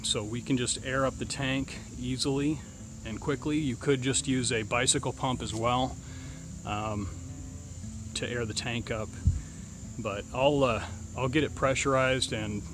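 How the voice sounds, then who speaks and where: A man showing off camping gear on his truck, talking casually with many ums and uhs, outdoors in the woods. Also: mid-range voice. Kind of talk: casual product walkthrough. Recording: outdoor recording with insect noise.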